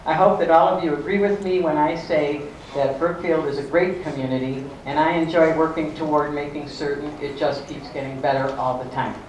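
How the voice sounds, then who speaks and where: A woman's voice: deep voice, steady tone, fairly quick, few pauses, a little mellow. A woman delivers a prepared closing statement as a local candidate. Her voice is picked up from a distance in a heavily echoing hall with faint noise. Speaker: village board candidate.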